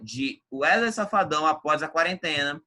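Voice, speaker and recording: A man's voice: a little high, animated, moderate pace, sharp tone. A male Portuguese teacher, giving an emphatic, chatty exam-prep video lesson.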